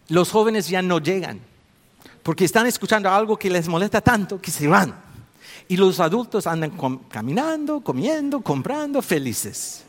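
Guy preaching a sermon, pretty high voice, animated storytelling that builds up loud. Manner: animated storytelling, rising to emphatic exhortation. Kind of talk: sermon with anecdotes.

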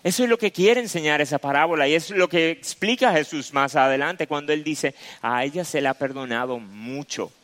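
A man preaches a sermon and walks the listeners through a passage point by point. He repeats his key phrases for weight, in a voice pitched on the high side. Long reverb trails each phrase, as in a large hall. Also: fairly quick, hardly any pauses, fairly bright tone.

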